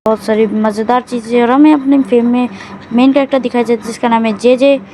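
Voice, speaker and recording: A woman's voice: on the high side, steady tone, fast talker, warm tone, a little hiss or hum, poor audio. A woman casually recapping a drama's plot in a loose, rambling way, often correcting herself mid-sentence.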